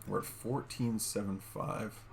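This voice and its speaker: Low, gravelly man chatting over gameplay. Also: steady tone, measured pace, slight background noise. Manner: chatty, addresses viewers as guys, many fillers. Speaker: gaming YouTuber. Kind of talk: casual gameplay commentary. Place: home room.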